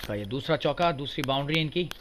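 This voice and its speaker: A man giving excited live cricket commentary as a sports commentator. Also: mid-range voice, quick pace, noisy background. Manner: excited cricket commentary, voice surging on big shots.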